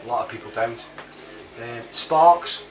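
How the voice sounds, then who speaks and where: An unhurried British man with a mid-range voice rambles on casually, matey and slangy; he reviews things online and uses a CB chat app. Background noise is clear, and the distant mic gives a roomy sound.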